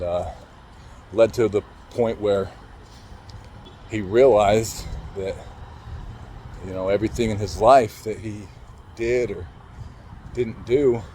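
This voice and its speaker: A man telling a painful personal story in a halting, emotional way, cursing casually and restarting his sentences as he goes. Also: fairly low pitch, dark tone, a little hiss or hum, rough recording. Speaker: motivational speaker.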